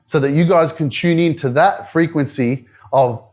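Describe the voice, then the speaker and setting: His voice is on the high side with a darkish tone and a moderate pace. He's an Australian motivational speaker at a live indoor event, giving a casual, direct talk, chatting with the audience and swearing from time to time.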